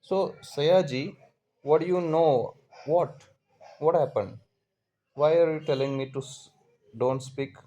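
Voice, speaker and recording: A father with an Indian Marathi accent, chatting casually at home in a hesitant, halting, questioning way. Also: on the high side, mellow.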